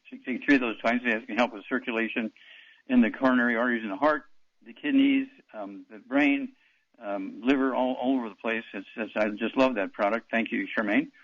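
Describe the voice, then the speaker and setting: A man's voice: medium pitch, steady tone, brisk, no echo, lo-fi sound. A man hosting a call-in radio advice show, blunt and dismissive, often interrupting callers. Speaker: radio talk show host.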